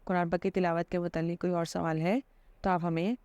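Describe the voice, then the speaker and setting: An Islamic teacher gives an informal religious lesson, explaining patiently with lots of fillers, check-ins and repeated "theek hai." Her fairly low voice is mellow and clean, with a flat delivery, and the recording is dry.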